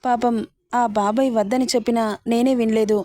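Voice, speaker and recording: A playful young wife coaxes and pleads in a slightly high, mellow voice, as a woman narrator reads her. It is a romance storybook reading, recorded close and dry. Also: steady tone, normal speed, dry recording, close to an everyday voice. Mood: pleading. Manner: coaxing, teasing.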